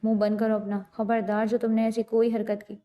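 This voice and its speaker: A woman's voice: fairly high pitch, highs cut off, close to an everyday voice. A woman voicing a strict middle-aged mother who scolds and lectures her daughter. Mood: scolding.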